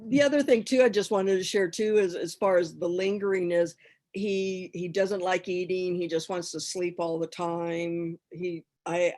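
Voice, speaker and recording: Halting woman searching for her words. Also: lowish voice, steady tone, a little mellow. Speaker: hospice volunteer seeking advice. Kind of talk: casual, personal account on a group call.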